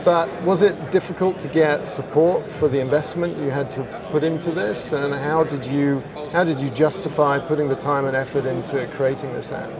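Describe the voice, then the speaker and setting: A man's voice: on the high side, fairly even intonation, normal speed, few pauses. A middle-aged man with a slightly raised voice asks friendly questions and backs up the answers he hears. He sits in a booth at a busy trade show, and the crowd chatter of the hall fills in behind him. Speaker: interviewer, podcast host. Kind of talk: conversational interview.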